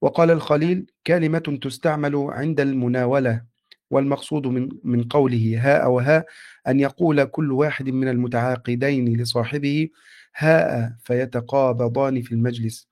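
A man reads a classical text aloud in a formal, steady way, as a student before his teacher. His voice sits at an ordinary middle pitch for a man. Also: normal speed. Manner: steady, respectful recitation.

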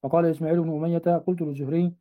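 Fast, flat-voiced man reciting classical text. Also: a little high, phone-quality sound. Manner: fast, even recitation with occasional self-corrections. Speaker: student reading a hadith commentary aloud to a teacher.

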